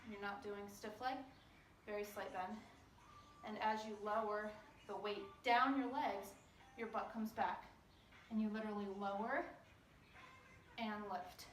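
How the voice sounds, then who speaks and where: A woman's voice: medium pitch, a bit bright. A woman teaching a home workout, out of breath, chatty and explaining with fillers. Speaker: fitness instructor. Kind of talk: casual workout instruction. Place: home workout space with concrete floor. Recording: echoey room, voice from a distance, faint music.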